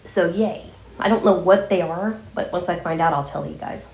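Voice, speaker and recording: In a noticeably echoey room, a woman chats informally to her viewers. Her voice sits a little low, with the scratchy sore throat of someone fighting a cold. She rambles along casually, letting thoughts trail off. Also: moderate pace, creaky, darkish tone. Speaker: vlogger addressing viewers. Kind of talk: casual chatty vlog.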